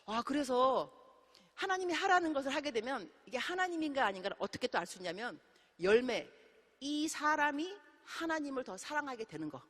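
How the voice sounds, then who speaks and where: A middle-aged woman missionary preaching a sermon in a church, telling stories in an animated way and acting out the dialogue. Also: high voice, fairly quick. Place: church sanctuary. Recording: long hall reverb.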